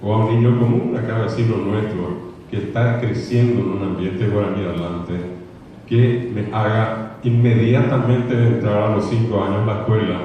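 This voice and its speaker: This is a repetitive, earnest conference lecture by a man with a Paraguayan Spanish accent, who now and then copies the way kids mispronounce words. His lowish voice holds a steady tone at a moderate pace. Recorded far away in an echoey lecture hall, the sound is dull with slight background noise.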